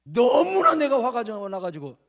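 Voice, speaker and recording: A male pastor preaching at an evening revival service. He tells a story that swings from hushed narration to shouted outbursts. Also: very high-pitched, big pitch swings, moderate pace. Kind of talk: revival sermon. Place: church sanctuary.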